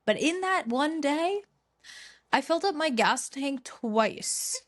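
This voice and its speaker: A woman's voice: sits high, expressive, takes it slowly. Young woman podcast host, rambling chat. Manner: rambling, restarts often, laughs a lot. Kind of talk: casual chat.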